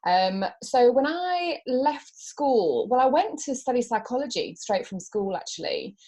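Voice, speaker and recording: A woman in her forties who grew up in South Africa, a business coach chatting as a podcast guest, open and emotional and quick to laugh. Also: fairly high pitch, expressive, a little mellow. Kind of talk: casual interview chat.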